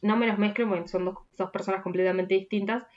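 A woman with a Rioplatense Spanish accent chats her way through a podcast conversation, rambling and restarting mid-thought and dropping into softer asides. The recording sounds a little dull and lo-fi, with her voice sitting in a middle register. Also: mid-range voice, steady tone, fast. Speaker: podcast co-host. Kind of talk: casual chat.

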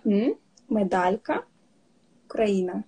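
A woman's voice: medium pitch, lively intonation, slow pace, warm tone, breathy edge. A Ukrainian woman patiently teaching signs in a casual podcast chat, with many fillers and restarts. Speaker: sign language teacher, guest.

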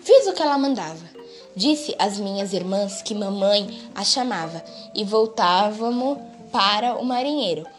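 Woman storyteller, higher voice, measured expressive reading, light music underneath. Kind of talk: story read aloud. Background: faint music.

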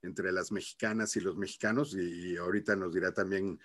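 Lower-voiced male host with halting phrasing. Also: fairly even intonation, fairly bright tone, no echo, studio quality. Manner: hesitant, halting phrasing with repeated words. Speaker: podcast host. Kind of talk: conversational interview hosting.

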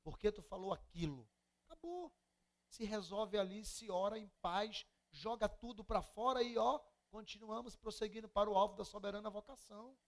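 Brazilian male pastor, very high-pitched, lively preaching delivery with bursts of volume. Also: normal speed. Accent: Brazilian Portuguese. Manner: animated preaching with sudden loud outbursts. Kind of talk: sermon. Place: church.

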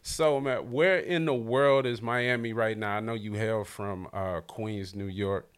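A man's voice: fairly low pitch, fairly even intonation, measured pace, background noise. Hyped, loose-talking male podcast host. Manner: loose, hyped, talkative with slang. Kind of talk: casual hip-hop podcast hosting. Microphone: livestream podcast setup.

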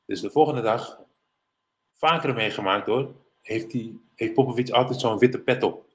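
Man from the netherlands, middle-aged, ex basketball pro, lively storytelling, mid pitch. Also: moderate pace. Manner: animated anecdotes, mimics others in English quotes. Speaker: guest, former pro basketball player. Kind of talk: casual storytelling interview.

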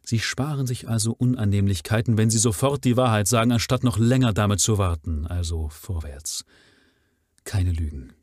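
A man's voice: medium pitch, animated, fairly quick, no room sound, studio quality, voice pushed up, lightly acted. A man reading aloud, voicing a stern male nobleman who angrily commands and interrogates his servant. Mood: angry. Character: stern indignant male nobleman, master of the house.

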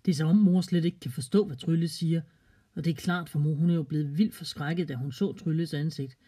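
A storyteller narrating a children's story in a calm, gently expressive way. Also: mid-range voice, breathy edge.

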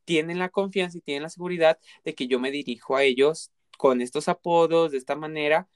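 A man's voice: a little high, a little fast, clear, resonant tone, no room sound, studio quality. A man with a Mexican accent in casual conversation, talking earnestly and explaining his views at length with many examples. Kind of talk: casual chat.

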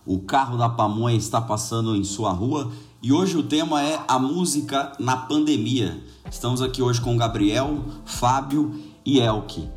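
A man's voice: medium pitch, measured pace, hardly any pauses. Brazilian man hosting a casual podcast. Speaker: podcast host.

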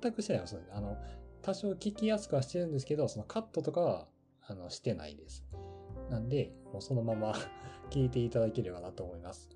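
A man's voice: mid-range voice, sing-song, fairly quick, music in the background. A man casually introducing a podcast segment, easygoing and full of hesitant fillers. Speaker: podcast co-host.

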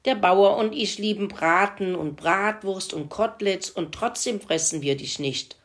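A woman doing a stern, calm tomcat. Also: medium pitch, a little slow, pitched above the performer's own voice, lightly acted. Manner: admonishing. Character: stern, calm male tomcat leading the meeting.

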